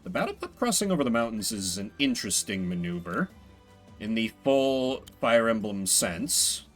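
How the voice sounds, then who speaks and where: Here a man's lowish, sing-song voice moves at a moderate pace while soft music plays behind him. He's livestreaming a strategy game, reasoning through his moves aloud as he goes.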